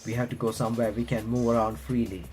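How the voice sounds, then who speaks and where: Soft background music plays as a man reads a visual novel aloud, tossing in casual asides while he haltingly stumbles over words and starts sentences again. His mid-range voice is level with a darkish tone.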